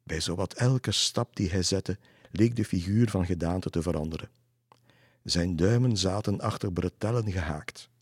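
A man reading a folk tale aloud in a measured way. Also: low-pitched, slightly rough, dry recording. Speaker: narrator. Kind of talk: storybook narration.

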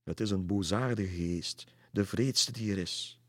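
A man's voice: fairly low pitch, measured pace, a bit bright, no room sound, studio quality. A man voicing a blunt, tidy village washerwoman in a storybook.

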